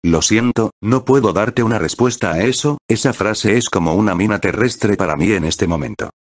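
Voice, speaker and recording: A man's voice: lowish voice, normal speed, no room sound, clean studio sound, natural voice. A man voicing a desperate, defiant young male hero in an audiobook.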